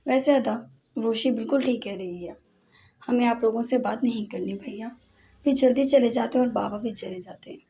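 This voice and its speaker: A woman's voice: fairly high pitch, moderate pace, warm tone, close to an everyday voice. A woman voicing a pampered, sulky young girl in an audiobook novel, with a whiny, pouting manner.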